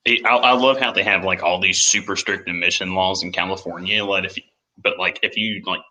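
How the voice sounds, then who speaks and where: A man's voice: sits low, steady tone, a little fast, pushed and bright, poor audio. A man co-hosting a casual livestream, jokey and sarcastic, with many fillers.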